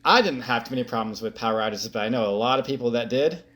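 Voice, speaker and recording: A man's voice: mid-range voice, fast talker, fairly bright tone. A man co-hosting a podcast who explains things casually in an upbeat way. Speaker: podcast co-host. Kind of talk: casual chat.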